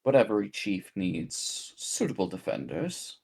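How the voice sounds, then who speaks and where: Guy doing a calm fortune teller lady, formal and measured, asks searching questions, on the low side. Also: creaky, breathy edge, full character voice.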